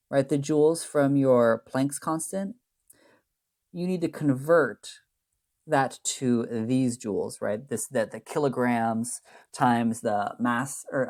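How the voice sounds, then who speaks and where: The speaker is a man who teaches chemistry, heard in a recorded lecture with a mid-range, somewhat mellow voice. He drifts casually through his slides, frequently checking in with tag questions and correcting himself partway through sentences, all while making light of the math.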